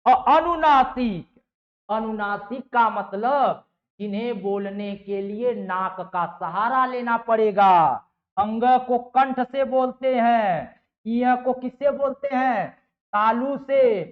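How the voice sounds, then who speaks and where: A male teacher with a very high voice gives a grammar lesson, taking each step slowly and with care. He repeats syllables, asks his students questions and answers them himself. The recording sounds dull and lo-fi. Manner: repeats sounds and keeps checking with "ठीक है". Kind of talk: Hindi grammar lesson for exam preparation.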